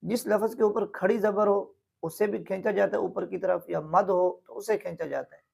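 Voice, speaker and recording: A man teaching Quran recitation, explaining pronunciation rules and then reciting verses slowly and drawn out. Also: high voice, fairly even intonation, gravelly, a little mellow.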